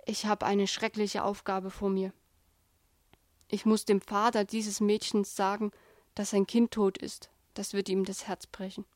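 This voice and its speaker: A woman's voice: medium pitch, flat delivery, measured pace, dry recording, natural voice. Woman reading a desperate grieving man, urgent and pleading, dry close sound. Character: desperate grieving man holding a dying child.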